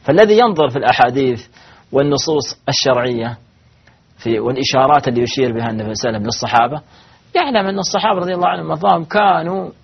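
A man's voice: mid-range voice, creaky, husky, lo-fi sound. A man teaching a religious lesson to students. He asks questions and answers them himself, and he often stops and restarts mid-phrase. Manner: halting, with repeated false starts. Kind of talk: lecture to students.

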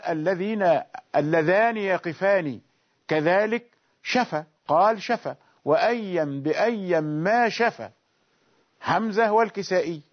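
A man with a high voice teaches the rules of Quranic recitation. He explains slowly and repeats each verse and rule several times. The recording is a little dull and lo-fi. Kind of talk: classical Arabic lesson on Quranic readings.

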